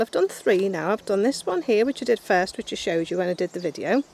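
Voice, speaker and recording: A woman's voice: mid-range voice, vocal fry. Scouse woman vlogging outdoors with background noise. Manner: chatty, blunt and self-deprecating. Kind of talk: casual how-to narration. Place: outdoors in a rural garden. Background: cows and a passing plane.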